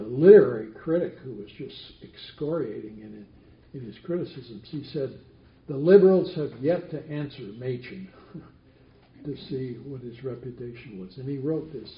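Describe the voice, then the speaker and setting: A man teaching a Bible study class, asking the group questions and repeating their answers back. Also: mid-range voice. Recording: roomy, dull lo-fi recording.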